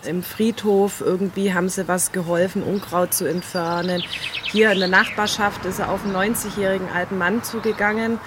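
A woman neighbour recalling events in casual, lively storytelling, interviewed outdoors in a village. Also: medium pitch, a little fast. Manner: lively storytelling, acts out quotes. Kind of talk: casual recollection. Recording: outdoor traffic and birds behind.

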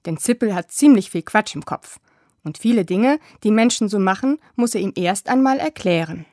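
A woman's voice: mid-range voice, lively intonation, moderate pace, mellow, no echo. Woman narrating a kids' story show, friendly, close dry sound. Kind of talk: scripted narration for children.

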